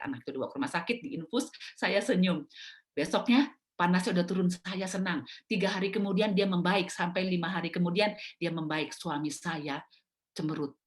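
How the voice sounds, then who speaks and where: A middle-aged woman giving a storytelling talk at a mothers' prayer meeting over a video call, lively and acting out family quarrels. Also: fairly low pitch.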